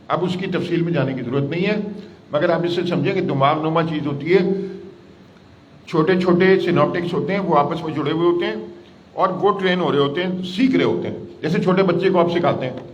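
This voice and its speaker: A man's voice: a little high, highs cut off, a little hiss or hum. A man teaching a class, explaining simply with everyday examples and quizzing his students. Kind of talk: classroom lecture.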